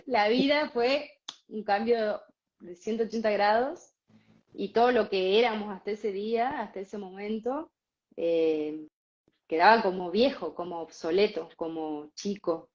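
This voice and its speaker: A woman, co-hosting and telling a spiritual story in a casual, animated way with frequent laughs. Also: mid-range voice, a little slow. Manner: animated, laughs often, many fillers. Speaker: podcast co-host. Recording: slightly dull lo-fi sound.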